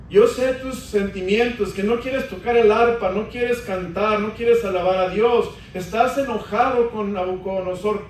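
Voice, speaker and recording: High-voiced pastor preaching in an echoey church. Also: male voice, a little hiss or hum. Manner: preaching with emphatic rises, addressing the congregation as brothers. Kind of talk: Spanish-language sermon. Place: large church hall. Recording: echoey church hall from a distance.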